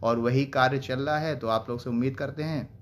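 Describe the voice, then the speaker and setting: A man's voice: mid-range voice, steady tone, brisk, slight background noise. A young man organizing a teachers' group, talking on a live stream, earnest and appealing, growing heated and insistent as he answers viewers.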